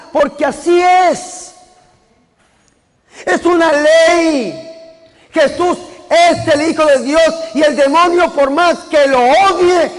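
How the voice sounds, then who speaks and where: A man with a very high voice preaches a sermon, calling out to his congregation and rising into shouts. His words ring out with the long reverb of a big church hall. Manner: calls the congregation to repeat and answer, building to shouts.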